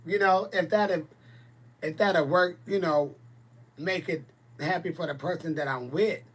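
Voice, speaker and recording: Unhurried and slightly rough, this man's voice is fairly high in pitch. He's a livestream host in his forties who chats casually and answers viewer comments bluntly and with sass.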